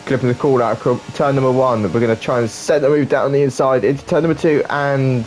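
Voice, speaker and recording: A man's voice: mid-range voice, steady tone, quick pace, darkish tone, a little hiss or hum. A man commentating over his own racing gameplay, chatty and rambling with fillers. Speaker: gaming channel host.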